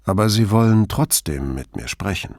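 A reserved, guarded family doctor, read by a man in a low voice. His tone stays neutral and careful. The recording is dry and close. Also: lively intonation, normal speed, darkish tone, no room sound.

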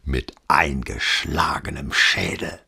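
A man's voice: a bass voice, takes it slowly, gravelly, bright, forceful tone, slightly rough, full character voice. A man reading the part of a gossipy male newsagent in an audiobook, gloating and conspiratorial as he relays bad news. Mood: gossiping. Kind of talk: audiobook dialogue.

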